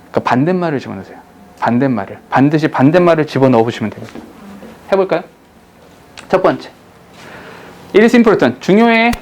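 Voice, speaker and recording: Male English teacher, lively up-and-down delivery, slightly high voice, jokey and direct with his class. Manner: animated, jokey, addresses students directly. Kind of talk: classroom lecture.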